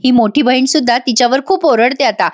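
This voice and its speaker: A woman's voice: sits high, a little fast. A woman narrating a voice-over recap of a TV serial episode, retelling scenes and acting out the dialogue.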